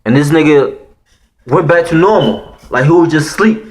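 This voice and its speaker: His voice is a little high and moves at a moderate pace. A man in his thirties from Haiti, with a Haitian accent, recounts something personal to viewers, cursing and using slang freely, with plenty of "man" and "you know what I'm saying" thrown in.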